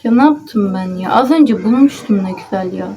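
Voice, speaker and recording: A woman's voice: mid-range voice, expressive, moderate pace, dull audio, background noise. A woman vlogging at home, talking to herself as she works on a papercraft project, muttering and sighing in exasperation. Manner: muttering and self-talk, exasperated sighs. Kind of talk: casual talking to herself while crafting.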